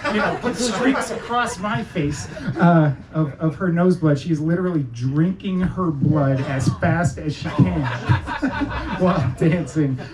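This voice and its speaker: Distant, slightly high-voiced man telling an anecdote. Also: takes it slowly. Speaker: storyteller. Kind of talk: casual anecdote told aloud. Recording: distant mic, clearly noisy room.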